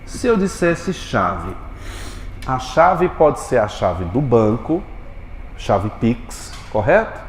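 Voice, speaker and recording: A male teacher giving a Portuguese lesson in a classroom, quizzing his students with quick questions. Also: mid-range voice, very animated, echoey room, in a large hall, slight background noise.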